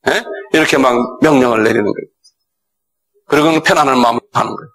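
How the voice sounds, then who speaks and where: A middle-aged man preaching a sermon as pastor, animated and acting out scolding dialogue, often asking his listeners for assent. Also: fast, poor audio. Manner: animated, acts out dialogue with sudden raised pitch.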